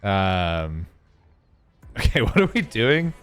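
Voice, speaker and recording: A man's voice: deep voice, big pitch swings, very slow, a bit bright, clear, resonant tone, soft background music. A man chatting casually with his viewers during a live game stream, rambling and thinking aloud as he plays. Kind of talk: casual live-stream chat while gaming.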